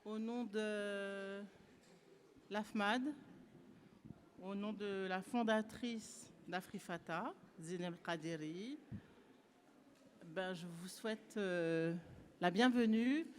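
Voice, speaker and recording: A woman's voice: medium pitch, slow pace, pauses often, a little hiss or hum. Woman, French accent, event welcome speech, hesitant fillers, long hall reverb. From Morocco. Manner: hesitant, many fillers, switches between French and English. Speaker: event organizer welcoming a panel. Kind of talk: welcome speech at a round table.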